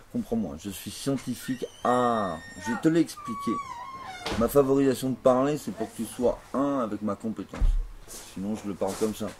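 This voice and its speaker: A man giving a grandiose, declamatory mystical monologue in an interview, slow and emphatic. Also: fairly low pitch, darkish tone, a little hiss or hum.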